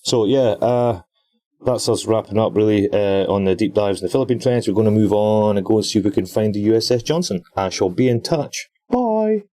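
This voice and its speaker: A British man hosting a podcast, chatting and laughing often while he records an audio log from inside a small deep-sea submersible. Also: brisk, dark tone, no room sound. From Britain. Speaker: expedition scientist and podcast host.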